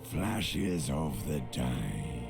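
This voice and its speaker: Brief: a brooding primal brain voice for a game, gravelly and very slow. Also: male voice, lively intonation, music in the background, full character voice. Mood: brooding, taunting. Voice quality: gravelly, very deep. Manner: slow, taunting. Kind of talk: video game voice acting.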